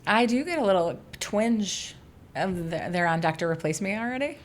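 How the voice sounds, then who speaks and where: A woman's voice: medium pitch, expressive. Chatty Michigan woman podcast co-host. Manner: chatty, self-critical, quick asides. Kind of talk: casual chat.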